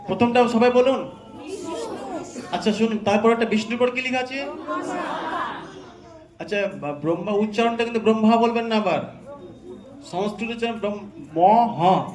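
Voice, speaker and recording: In an echoey hall full of people, a man teaches a religious class interactively, testing students with questions and frequently making sure they keep up. He speaks briskly in an extremely high, steady voice, leaving long pauses.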